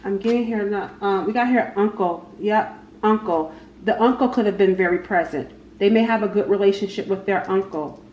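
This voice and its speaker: A tarot reader who hosts her own channel does a casual, unscripted card reading in an echoey room with faint background noise. Her medium-pitched voice sounds cut off in the highs, and she speaks haltingly, repeating phrases and addressing the spirit and the cards.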